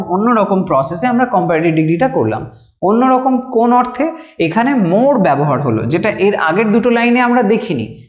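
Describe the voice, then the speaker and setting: A woman explaining grammar step by step, slowly spelling out example phrases as she writes them. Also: medium pitch, darkish tone. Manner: slow, drawn-out dictation of English phrases. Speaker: English grammar teacher. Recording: echoey room with long reverb.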